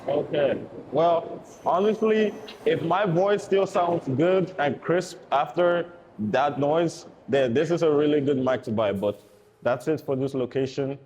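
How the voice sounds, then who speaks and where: A man reviewing gear in a steady, explanatory way, his voice heard through a wireless mic's noise cancellation with processing artifacts. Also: fairly high pitch, measured pace, low-quality recording. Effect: noise-cancelled through a wireless mic, with processing artifacts. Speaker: product reviewer. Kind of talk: casual tech review walkthrough.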